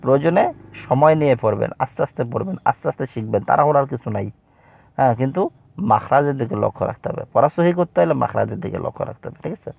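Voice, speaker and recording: A man's voice: animated, quick pace, creaky, no room sound. Tinny-sounding man teaching a lesson. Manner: chants syllable drills in a higher sing-song voice. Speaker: Quran reading teacher. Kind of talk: online lesson. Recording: tinny phone-like line.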